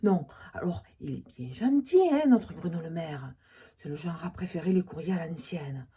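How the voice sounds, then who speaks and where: A woman's voice: low-pitched, animated, moderate pace, warm tone. A woman from Toulouse with a Toulouse accent, talking alone in a humorous, ironic monologue with whispered asides. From Toulouse, France. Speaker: vlogger.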